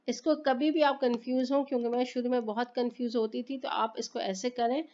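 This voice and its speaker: A woman teaching Arabic grammar in a slow, explanatory lesson, asking questions and answering them herself and reciting phrases carefully. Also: a little high, highs cut off. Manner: patient, repeats points and asks herself questions.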